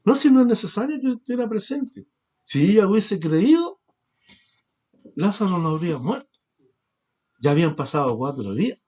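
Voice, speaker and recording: A man preaching a sermon as pastor, asking rhetorical questions and swinging between loud emphasis and quiet, low passages. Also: sing-song, moderate pace, long pauses, slightly rough. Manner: preaching with rhetorical questions, rising and falling in force.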